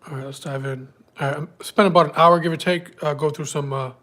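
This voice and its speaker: A man with a slightly congested, stuffy-nosed voice from a cold hosts a day trading livestream, giving a casual walkthrough of his market prep full of filler words and greeting viewers by name. He speaks fast, with a fairly high pitch, a steady tone and a fairly bright quality.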